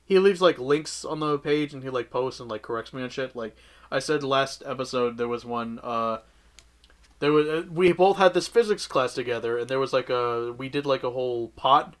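A man's voice: mid-range voice, moderate pace, smooth. Young male podcast co-host, loose rambling delivery, filler-heavy, mid-range voice. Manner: rambling, lots of fillers and restarts. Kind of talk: casual chat.

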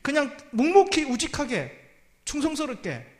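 A man's voice: very high-pitched, wildly swooping pitch, moderate pace. A male pastor preaching a sermon from a church pulpit, humorous and self-deprecating, often laughing at his own jokes.

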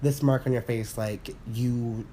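A man in casual podcast chat, rambling with many fillers and restarts, candid and quick to laugh. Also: mid-range voice, steady tone, mellow, slight background noise. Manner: laughs often, candid and profane. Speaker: podcast co-host.

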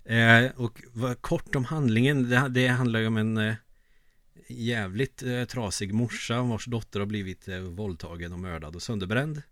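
A man's voice: mid-range voice, fairly even intonation, fairly bright tone, no room sound, clean studio sound. A man co-hosting a casual podcast who giggles, rambles and uses many fillers. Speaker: podcast co-host.

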